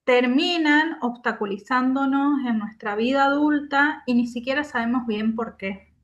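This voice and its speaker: A woman co-host with a fairly high voice. She lays out her thoughts in a calm, explanatory way. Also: unhurried, highs cut off. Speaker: podcast co-host. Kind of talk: casual conversation.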